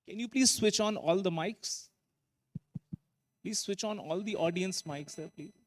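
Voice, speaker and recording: A man's voice: high-pitched, unhurried. A man moderating a conference panel discussion, hesitant and full of fillers. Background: conference hall.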